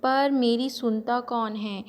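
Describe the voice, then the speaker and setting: A woman's voice: on the high side, fairly even intonation, takes it slowly. A woman voicing an old grandmother who scolds sharply and takes charge. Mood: scolding.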